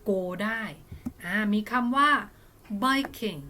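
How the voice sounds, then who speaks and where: A Thai woman teaching an online English lesson, speaking English slowly and carefully between quick, chatty explanations. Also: mid-range voice, sharp tone, slight background noise.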